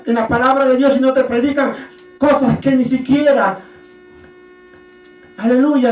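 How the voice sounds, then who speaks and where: A woman preaching a fiery sermon, impassioned and rising to shouts, with frequent hesitations. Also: sits high. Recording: echoey room, far from the mic, faint music.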